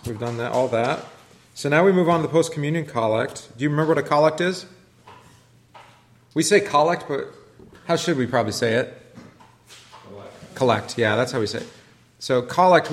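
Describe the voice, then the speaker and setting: A pastor teaching an informal church class in a conversational way, often asking the group questions. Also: male voice, mid-range voice.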